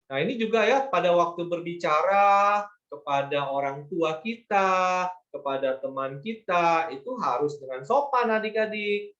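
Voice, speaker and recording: A man's voice: high-pitched, unhurried, fairly bright tone, echoey room, highs cut off. A man teaching an online Sunday school lesson to children, patient and coaxing, often asking them to agree.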